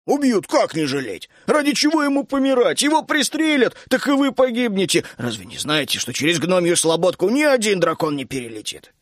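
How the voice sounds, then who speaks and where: A gruff, grumpy middle-aged dragon keeper, put on by a male audiobook narrator, grumbling and scolding with sudden hot outbursts. The voice sits lower than his narration and is recorded close and dry. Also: animated, moderate pace, dry recording. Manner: grumbling, scolding, bursts out hotly. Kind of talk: audiobook character voice.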